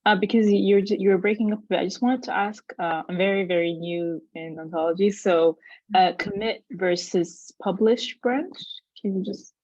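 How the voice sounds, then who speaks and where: A woman's voice: medium pitch, normal speed, a little mellow, dry recording. A woman joining a workshop over a video call, asking a hesitant, polite question through dull, lo-fi call audio. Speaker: workshop participant.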